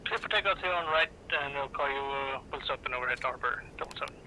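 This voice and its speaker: A man's voice comes through a radio channel as he makes clipped pilot calls, sharp and bright at the top with a gravelly, crackling edge. He keeps it terse and procedural, tossing out codes and short fillers in a flight-sim session. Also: medium pitch, fast. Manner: terse brevity-code phrasing with short fillers.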